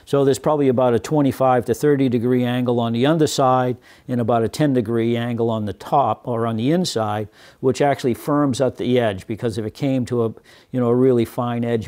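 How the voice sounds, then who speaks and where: A man in his sixties with a mellow, darker voice of middle height walks through a carving lesson at his workshop bench. He speaks deliberately, pausing on fillers and restarting phrases as he works. Close lapel-style sound. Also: mid-range voice. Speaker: woodworking instructor. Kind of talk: hands-on demonstration.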